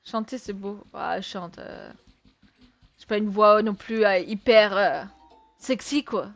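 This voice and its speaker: A woman's voice: medium pitch, takes it slowly, gravelly, dull audio, faint music behind. A woman giving casual let's-play commentary in French, chatty and exclamatory, talking to her viewers with exasperated asides and sighs. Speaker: gaming video creator.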